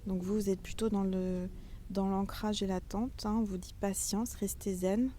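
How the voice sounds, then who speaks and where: Her voice is medium-pitched and dark in tone, with fairly even intonation at normal speed, plus a little hiss or hum. She's a tarot reader doing a casual, chatty reading outdoors in front of a castle, speaking directly to viewers she calls little stars.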